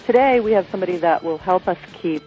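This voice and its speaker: A woman's voice: fairly low pitch, quick pace, faint music behind. Nasal American woman on a phone line. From New York, USA. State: congested with a cold. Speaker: radio show host. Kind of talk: chatty radio interview. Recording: thin phone-line radio sound.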